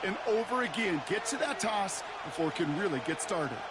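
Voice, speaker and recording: A man's voice: high-pitched, expressive, fairly quick, very noisy. An American man giving confident, explanatory color commentary in a football video game. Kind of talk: analytical sports commentary.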